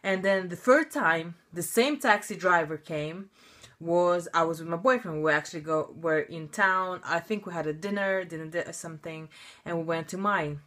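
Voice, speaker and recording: A young woman vlogging a rant with a slightly low voice. She talks chattily, fills her speech with "like" and "you know", and sounds indignant. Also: moderate pace, a bit bright. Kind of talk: casual ranting storytelling.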